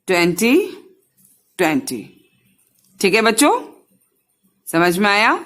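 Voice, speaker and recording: A woman gives a slow, patient lesson to small children. She sounds out each syllable one at a time and drops English words into her Hindi, in a fairly low voice. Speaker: teacher.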